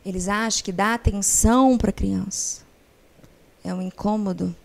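A woman with a Brazilian accent, a family counselor chatting as a podcast guest, frank and lively, acting out the conversations she retells. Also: medium pitch, unhurried, gravelly. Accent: Brazilian Portuguese. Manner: frank, lively storyteller who acts out conversations. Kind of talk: casual podcast chat.

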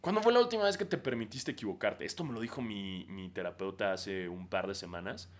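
A man's voice: on the low side, lively intonation, a little fast. A man with a Mexican accent talking casually and profanely on his podcast, ranting and putting on mocking voices. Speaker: podcast host.

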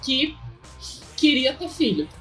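A woman co-hosting a podcast, chatting casually and telling animated stories with frequent laughter. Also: high voice, slow, soft background music. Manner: animated storytelling, laughs often. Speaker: podcast co-host. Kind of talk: casual chat.

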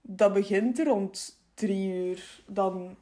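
A woman's voice: mid-range voice, fairly even intonation, drawn-out words, mellow. A woman from Belgium with a Flemish accent, hosting a podcast in a casual, conversational style. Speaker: podcast host.

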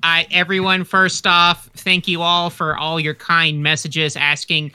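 A man's voice: on the high side, monotone, unhurried, bright, forceful tone, clear, resonant tone. A man co-hosting a comedy podcast, brash and irreverent in his casual improvised banter.

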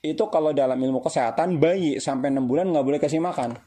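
A man's voice: fairly high pitch, fast talker, warm tone. A middle-aged man giving a casual religious talk, conversational and repetitive, asking rhetorical questions. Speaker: Islamic preacher.

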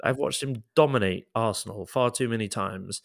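A man's voice: on the low side, normal speed, gravelly, no room sound, studio quality. A man hosting a casual football podcast, jokey and bantering with his co-hosts. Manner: jokey, banters and laughs often. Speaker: podcast host.

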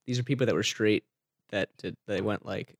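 A man's voice: fairly low pitch, brisk, gravelly, no echo. Man, casual chat, easygoing, agreeable, dead dry sound. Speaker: podcast co-host.

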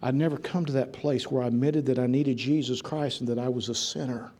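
A man preaching a sermon, swinging from loud, fervent preaching to hushed, near-whispered passages. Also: mid-range voice, fairly even intonation, a little fast. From rural area. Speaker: pastor.

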